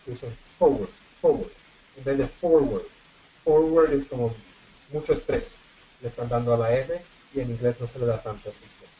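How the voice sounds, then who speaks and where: A man teaching an English vocabulary class online, switching between Spanish and English and repeating word pairs slowly for practice. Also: mid-range voice, fairly even intonation, dark tone, lo-fi sound, slight background noise.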